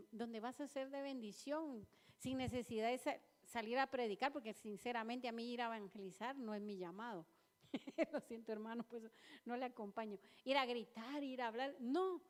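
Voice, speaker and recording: Woman preacher, high-pitched, informal testimony style, church hall reverb. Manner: conversational, quotes herself and others in little acted asides. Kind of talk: personal testimony sermon.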